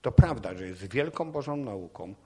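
A man's voice: lowish voice, animated, moderate pace, slightly rough. A man preaching from a church podium, his delivery impassioned and built on repetition. He folds his own testimony into the sermon, circling back to key phrases as his intensity climbs. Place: church or meeting hall podium.

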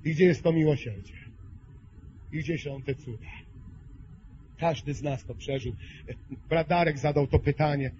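A man preaching a sermon with passion, swinging between hushed pleading and loud cries. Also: on the high side, measured pace, pauses often, slight background noise. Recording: muffled lo-fi recording.

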